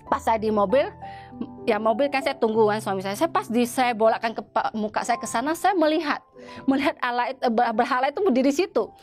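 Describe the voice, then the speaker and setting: Woman, testimony interview, higher pitch, halting with many restarts, soft music underneath. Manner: halting, with frequent restarts and repeated words. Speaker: church member giving a testimony.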